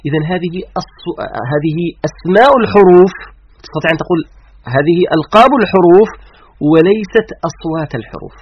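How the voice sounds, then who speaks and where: A man explaining the Quran's letters to an interviewer, emphatic, slowing to stress each letter. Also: sits high, a little hiss or hum. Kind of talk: explanatory religious lecture. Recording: dull lo-fi radio sound.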